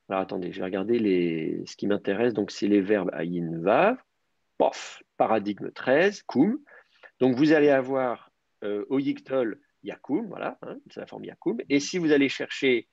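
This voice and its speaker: A man's voice: fairly low pitch, gravelly, a little mellow, slightly rough, no echo, muffled recording. A man teaching a Hebrew grammar class online, explaining step by step and thinking aloud with many hesitations.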